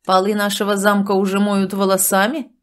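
A woman's voice: mid-range voice, monotone, fairly quick, close to an everyday voice. A haughty young lord who barks curt, cold orders, as a woman reader puts him on. He speaks in the reader's own register, stern and clipped, in a fantasy audiobook.

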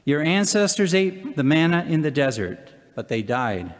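An older man, a deacon speaking from the lectern in a measured, solemn way as he reads and preaches. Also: fairly high pitch, very animated. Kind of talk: scripture reading and homily. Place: large church, at the lectern. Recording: long church hall reverb.

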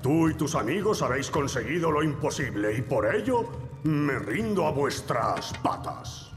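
A man's voice: a little high, sing-song, normal speed. A man with a Castilian Spanish accent voicing a solemn, portentous cartoon liquor-bottle sage. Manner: portentous, theatrical. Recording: reverberant cavern, music behind.

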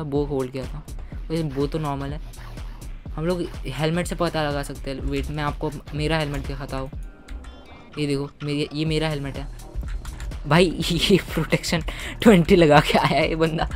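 Chatty and excitable, a man with a voice on the high side gives casual gameplay commentary for his gaming videos, constantly addressing his viewers as "guys."

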